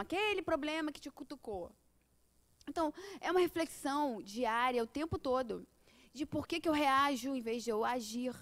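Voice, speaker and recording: A middle-aged woman with a Brazilian accent leads an informal spiritual class. Her voice sits high, and she talks in a conversational way, putting rhetorical questions to her listeners. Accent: Brazilian Portuguese. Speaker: course teacher.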